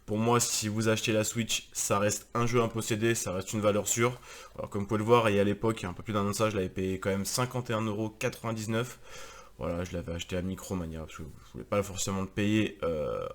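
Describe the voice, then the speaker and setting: A man's voice: on the low side, quick pace. Casual male vlogger, rambling and chatty, lots of fillers, presenting his collection. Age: adult, married with a daughter. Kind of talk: casual video chat.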